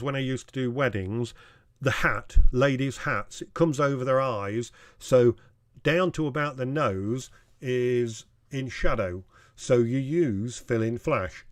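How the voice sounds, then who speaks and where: A middle-aged man, a camera club president, explaining photography to club members in a plain, measured way with pauses and restarts. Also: medium pitch, no echo, clean studio sound.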